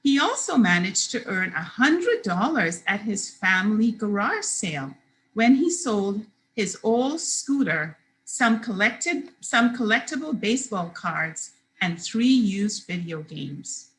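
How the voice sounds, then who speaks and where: A woman's voice: medium pitch, very animated, slow pace, fairly bright tone, low-quality recording. A woman reading her children's book aloud, giving the characters their own voices. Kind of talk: expressive storybook read-aloud.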